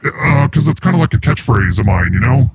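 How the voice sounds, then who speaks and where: A man's voice: medium pitch, expressive, fairly quick, highs cut off, background noise. A man pranking over a call, using a voice changer to play a crude, self-important male neighborhood boss. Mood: smarmy. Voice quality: gravelly, raspy. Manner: rambling prank-call banter, mocking. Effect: voice changer distortion. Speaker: prank caller.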